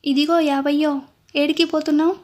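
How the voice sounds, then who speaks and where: A woman reading out a loud, stubborn village bride in a storybook, scolding in rustic speech with a high, flat voice. She talks down to everyone. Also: a little fast, close to an everyday voice.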